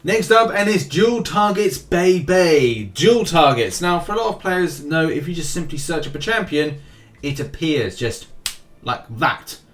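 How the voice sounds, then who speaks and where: Pitched fairly high and a little bright, the host speaks at a measured pace with expressive inflection. He's presenting gaming news on his mobile game channel in a relaxed, conversational manner, cracking jokes and stressing words in a lilting rhythm while music runs in the background.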